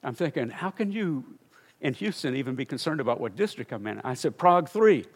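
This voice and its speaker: A man's voice: mid-range voice, big pitch swings, a little fast, slightly rough. An older man, a missionary preacher, telling a story in a sermon and building to fervent exclamations.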